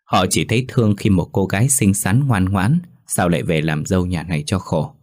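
A man narrating a story in a steady audiobook delivery. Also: low voice, moderate pace. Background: faint music.

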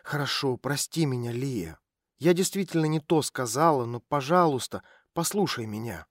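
A man voicing a calm woman private detective who speaks quietly and gently to coax a runaway girl. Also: medium pitch, normal speed, no echo, clean studio sound, close to an everyday voice. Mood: soothing. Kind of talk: audiobook character voice.

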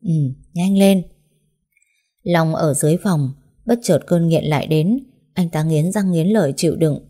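Low, mellow woman storyteller. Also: normal speed. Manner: steady narration. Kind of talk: audiobook story reading.

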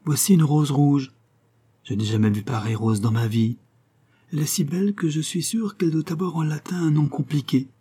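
A man's voice: on the high side, brisk, warm tone, slightly rough, voice pushed up. A man reading the lines of an earnest young male student in a storybook. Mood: amazed.

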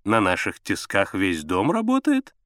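A man's voice: fairly low pitch, huge pitch swings, a little slow, fairly bright tone, no echo, studio quality, full character voice. A man voicing a stout, good-natured middle-aged father who teases with a sly, amused drawl.

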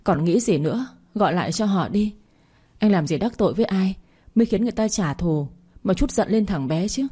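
A woman voicing a desperate young mother who pleads and accuses in a quick, raised voice in a story reading. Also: animated, dark tone, slightly rough. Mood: accusing. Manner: pleading, shrill and fast. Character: frantic young mother of a kidnapped boy.

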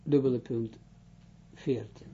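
A middle-aged man teaching a religious study lesson, slow and halting, with many restarts as he translates and explains. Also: mid-range voice, fairly even intonation, dark tone, slight background noise. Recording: dull lo-fi recording.

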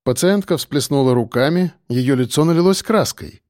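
A man's voice: fairly high pitch, normal speed, a little mellow, no room sound. Dry-voiced male audiobook narrator. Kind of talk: scripted narration.

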